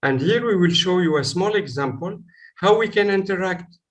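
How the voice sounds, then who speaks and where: Far from the mic, higher-pitched male presenter, halting delivery, demo talk. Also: lively intonation. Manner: halting, searching for words. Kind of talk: conference talk with live demos. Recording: distant microphone.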